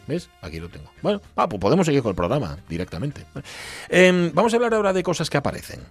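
A man's voice: fairly high pitch, huge pitch swings, fast, breathy edge. A man with an Asturian accent hosting a radio show, reading listener messages in a chatty, joking way. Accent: Asturian Spanish. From Asturias, Spain. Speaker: radio host. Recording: radio studio with music bed.

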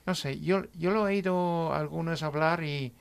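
A man in his sixties, an English native with an accent in Spanish, chatting as a radio guest in a halting way, often checking with "¿bien?". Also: fairly high pitch, vocal fry, clean tone. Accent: English speaker in Spanish. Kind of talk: casual radio chat.

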